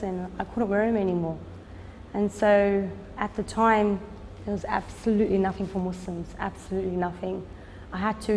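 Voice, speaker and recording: A woman in her thirties talks about her work in an interview, earnest and unhurried, often pausing on "um". Her voice sits mid-range, and the room has a long reverb with faint background noise. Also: mid-range voice, a little mellow. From Australia. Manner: earnest, unhurried, with frequent "um" pauses. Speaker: fashion designer and business owner. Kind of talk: documentary interview.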